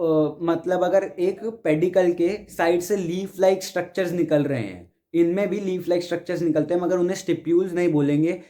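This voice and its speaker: A man's voice: on the high side, dark tone. A young man from India with an Indian accent, a biology teacher giving an exam-prep lecture. He reads textbook lines aloud and then explains them again step by step. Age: young adult.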